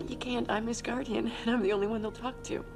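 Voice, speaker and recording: A scheming younger woman in a TV crime drama. Her voice is creaky and sometimes breathy, with a cool, seductive control. A music score plays behind her. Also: fairly high pitch, fairly even intonation, quick pace. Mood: pleading, calculated. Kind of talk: television crime drama acting.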